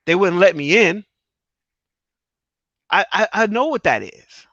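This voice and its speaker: A man's voice: high voice, animated, a little slow, bright, forceful tone, no room sound. Earnest middle-aged man telling his story. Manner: earnest, testimonial storytelling with emphatic repeats. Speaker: host. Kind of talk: casual interview talk. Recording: dry, slightly dull sound.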